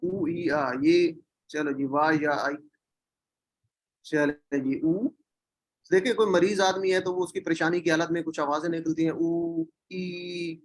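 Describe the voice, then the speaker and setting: A man teaches an online Quran class in a voice a little higher than most men's. He keeps asking the students questions. He repeats the key words so they stick.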